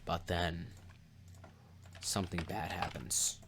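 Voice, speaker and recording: A man's voice: low-pitched, little pitch movement, slow, noisy background. A man casually retelling a story as a video host, rambling with restarts, sarcastic asides and mouth sound effects.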